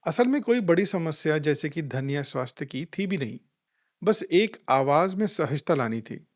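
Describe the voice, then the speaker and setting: Male spiritual speaker, gentle storyteller, voice a touch high, easy and unhurried. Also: expressive. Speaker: spiritual life coach. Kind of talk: calm reflective spiritual talk with anecdotes.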